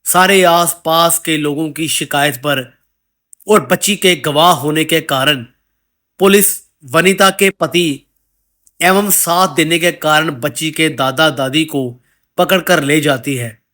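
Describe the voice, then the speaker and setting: A male storyteller reads a sad moral tale in a measured, solemn manner. His pace is very slow and unhurried, and his voice sits a little above the usual male pitch. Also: sharp tone. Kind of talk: scripted story narration.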